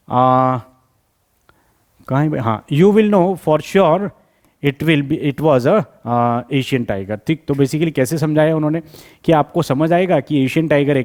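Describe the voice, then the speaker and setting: Man giving a slow, drawn-out revision lesson. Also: a little high, darkish tone. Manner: switches between Hindi and English, reads English lines slowly and deliberately; checks in often with students, calls them "beta". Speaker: English teacher.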